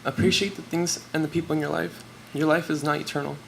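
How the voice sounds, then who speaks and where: A man's voice: on the high side, little pitch movement, fast talker, vocal fry, a bit bright. A teenage boy giving a nervous, tearful prepared acceptance speech for a student award. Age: teens. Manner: nervous, reading from notes. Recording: noisy live event recording.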